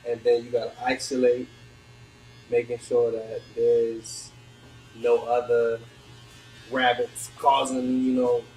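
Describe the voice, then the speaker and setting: A man in a casual group podcast chat, explaining his point calmly and step by step. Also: mid-range voice, slow, pauses often. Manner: calm, explanatory. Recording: echoey room, mic at a distance, faint noise.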